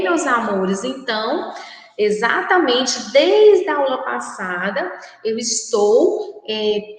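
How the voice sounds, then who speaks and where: Slow high-voiced Brazilian teacher, echoey room. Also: female voice, a bit bright. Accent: Brazilian Portuguese. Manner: slow, careful, repeats words for children to say aloud. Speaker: primary school teacher. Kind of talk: recorded remote lesson for children. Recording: very echoey room with long reverb.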